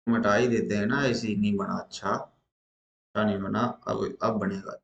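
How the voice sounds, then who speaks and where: A man's voice: on the low side, little pitch movement, moderate pace, gravelly, echoey room, highs cut off. A male teacher, leading a lesson at the board, asking questions and answering them himself.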